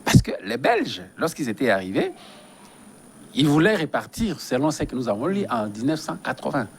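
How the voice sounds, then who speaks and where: A man's voice: medium pitch, wildly swooping pitch, normal speed, slight background noise. A man from DR Congo, a guest giving earnest, emphatic political commentary in a studio interview and often repeating his phrases.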